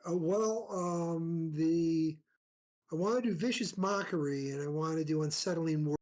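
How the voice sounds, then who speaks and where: Unhurried, hesitant player, mid-pitched, stop-start phrasing. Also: a little mellow. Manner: halting, many fillers. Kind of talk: casual game talk.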